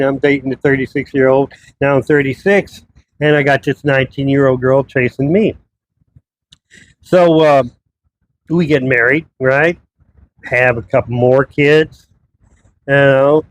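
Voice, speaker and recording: A man's voice: medium pitch, a little hiss or hum, rough recording. Rambling middle-aged man vlogging. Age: 50s. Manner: rambling, conversational storytelling. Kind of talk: casual personal monologue. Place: his townhouse abroad.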